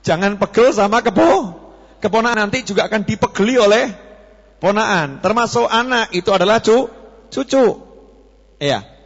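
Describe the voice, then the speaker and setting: A man's voice: high-pitched, lively intonation, moderate pace, pauses often. A man preaching a sermon in a chatty style, teasing his audience with questions. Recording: long reverb, dull lo-fi sound.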